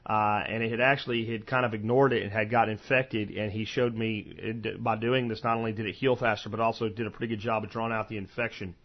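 Speaking fast with few pauses, this lowish, steady-voiced podcast host is an American man from the eastern United States, specifically Florida and Pennsylvania. Alone on the mic, he chats informally about medicinal plants, meandering through side comments and recollections in dull, lo-fi audio.

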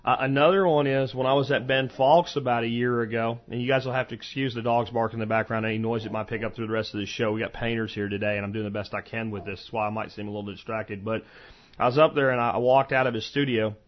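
A dull, slightly muffled lo-fi recording of an American man with a mid-pitched voice. He hosts a solo podcast in an informal, conversational way. He rambles easily, wandering into personal asides as he explains things. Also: fairly even intonation, quick pace. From eastern United States, Florida and Pennsylvania. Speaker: podcast host. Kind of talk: informal solo podcast talk on medicinal plants.

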